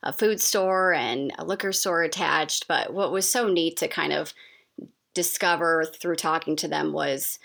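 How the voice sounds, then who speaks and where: Enthusiastic lady podcast cohost, low-ish voice, kinda fry-y. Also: a little slow, fairly bright tone. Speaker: podcast co-host. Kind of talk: conversational interview.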